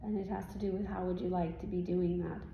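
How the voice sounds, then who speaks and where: A woman's voice: lowish voice, fairly even intonation, fast talker, creaky, lo-fi sound. A woman speaking as a trance medium voicing a serene spirit guide, with stilted formal phrasing and frequent questioning tags, giving spiritual guidance at a live event. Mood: serene, instructive. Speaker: trance channeler answering audience questions. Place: indoor live event room. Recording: roomy live event sound, faint noise.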